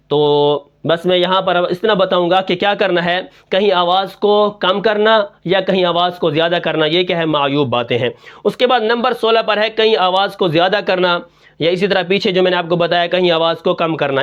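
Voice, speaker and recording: A male Quran teacher with a high, light voice. He explains recitation rules in a repetitive question-and-answer pattern, dropping his voice low on each answer. The audio is dull and muffled, like a lo-fi recording. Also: fairly even intonation, clear, resonant tone. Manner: breaks into slow, drawn-out Quran recitation to demonstrate. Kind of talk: tajweed lesson in Urdu.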